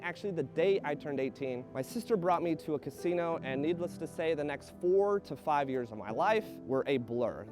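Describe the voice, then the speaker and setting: Vlogger, thirties, male, fairly high voice, earnest outdoor storytelling with a music bed. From Texas. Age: 30s. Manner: earnest, emphatic storytelling with filler phrases. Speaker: real estate agent. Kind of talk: personal story vlog. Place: outdoors in front of a duplex. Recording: music playing under the voice.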